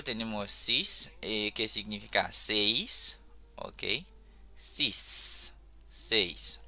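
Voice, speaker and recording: Low-ish guy, teaching letters slow, keeps saying ok, bright voice. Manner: slow, repeats sounds and checks with "ok?". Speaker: language teacher. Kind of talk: casual online lesson.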